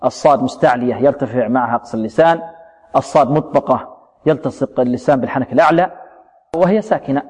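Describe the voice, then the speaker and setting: A male teacher giving a Quran recitation lesson, explaining how letters are pronounced and demonstrating words slowly and repeatedly. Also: medium pitch, a little mellow, husky, in a large hall.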